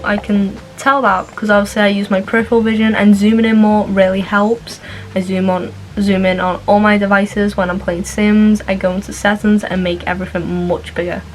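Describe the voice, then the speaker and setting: A woman's voice: mid-range voice, poor audio. Young woman chatting over background music. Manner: informal, chatty asides. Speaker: vlogger. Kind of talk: casual tutorial chat. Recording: music playing behind the voice.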